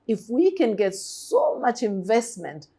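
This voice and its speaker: A Tanzanian nonprofit CEO in her forties speaks thoughtfully as a guest in a podcast interview, with many ums and restarts. Her voice is fairly high and husky with a dark tone, swinging widely in pitch as she takes her time.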